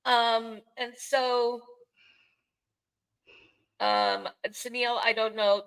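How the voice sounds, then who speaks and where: An older woman from the Bronx, New York, co-hosts a sports podcast in casual, unscripted chat, adding wry, self-mocking asides in her Bronx accent. Her voice is medium-pitched and a bit bright, but the audio quality is poor.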